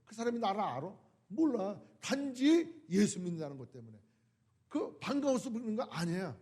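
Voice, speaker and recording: A man with a fairly high voice preaches a sermon in a church. He presses his listeners with question after question, swelling to forceful appeals, then falls back to a near murmur. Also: sing-song, moderate pace, breathy edge. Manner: impassioned, rhetorical questions, swings from loud to hushed. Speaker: pastor. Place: church sanctuary.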